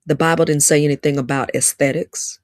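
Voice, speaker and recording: A woman in her fifties with a deep, steady, fairly quick and slightly mellow voice and an Alabama Southern accent gives a livestreamed motivational talk on relationships. She's emphatic and preacher-like, repeating lines for stress. The recording is clean studio sound with no echo.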